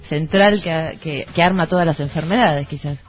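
On a dull lo-fi radio recording with music behind her, a woman speaks at normal speed in a low-sitting voice. She has an Argentine Rioplatense accent and co-hosts a literary radio show in a conversational manner.

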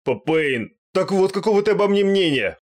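A man voicing a dim-witted, bewildered young knight in an audiobook, talking loud and confused. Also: mid-range voice, animated, takes it slowly.

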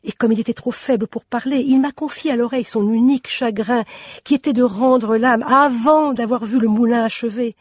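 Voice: high voice, unhurried, darkish tone, no room sound, studio quality, pitched above the performer's own voice. A reader doing a syrupy propagandist pig. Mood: mock-sorrowful. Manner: syrupy, mock-tearful. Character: smooth-talking propagandist male pig. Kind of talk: radio drama reading. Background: music.

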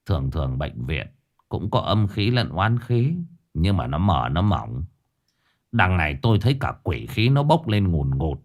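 A man voicing a stern, blunt male ghost-hunting master, with a low, curt, hushed delivery. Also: full character voice. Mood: grave.

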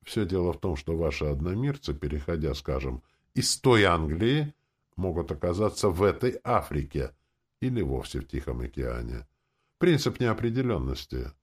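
A good-natured old imperial official speaks in a formal, courteous way with quiet amusement, as an audiobook narrator puts him on. His voice sits low but moves lively up and down. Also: normal speed, slightly rough, full character voice.

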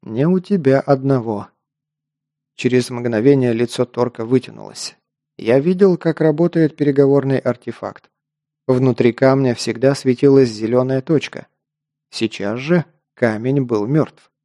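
A man narrating a first-person fantasy action audiobook, steady storytelling that lifts into louder voiced dialogue. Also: mid-range voice, normal speed, no echo, studio quality.

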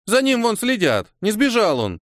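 A man's voice: huge pitch swings, a bit bright, no echo, clean studio sound, heavily acted. A man voicing a nosy, bossy eight-year-old girl who fires off questions, in an audiobook reading. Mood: inquisitive. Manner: rapid, prying questions, high-pitched.

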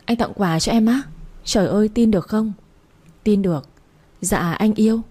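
A woman's voice: mid-range voice, moderate pace, dark tone, slightly rough, lightly acted. A woman voicing a coy young woman who whines and pleads in a raised voice.

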